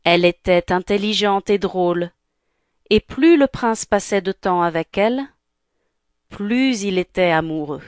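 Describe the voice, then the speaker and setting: A woman reads a fairy tale aloud in a calm, clear voice. She takes her time over every phrase. The sound is dry and close, with no room. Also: mid-range voice, a little slow, dry recording. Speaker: storyteller. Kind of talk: storybook read-aloud.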